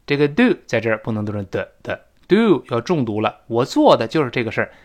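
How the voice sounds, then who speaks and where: A man teaching spoken English in Chinese, explaining pronunciation and acting out sounds and sighs. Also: medium pitch. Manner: lively, demonstrates pronunciation with drawn-out sounds. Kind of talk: spoken English lesson podcast.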